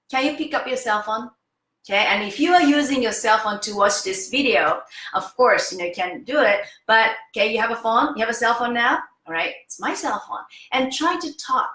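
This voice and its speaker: A lively woman in her fifties leads a face yoga class, her voice sitting a little high. She is eager and chatty, often pausing to ask the viewer "okay?" The room around her has a noticeable echo. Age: 50s. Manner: enthusiastic, keeps checking in with "okay?". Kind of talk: interactive online lesson.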